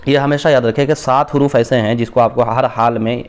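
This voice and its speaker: A man, teaching a beginners' Quran reading lesson, patiently explaining and repeating Arabic letters slowly and drawn out. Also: mid-range voice, steady tone, clean tone.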